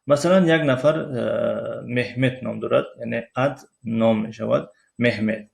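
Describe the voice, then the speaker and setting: A man with a Tajik accent teaching a recorded language lesson, explaining slowly with frequent pauses and fillers and spelling out letters one at a time. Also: medium pitch, gravelly.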